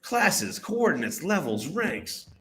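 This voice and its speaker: Man, trivia host, bar, higher voice, swings up and down a lot, jokey, swears. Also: sing-song, slow pace, a bit bright. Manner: joking, swearing, reading out questions. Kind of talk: hosting live bar trivia.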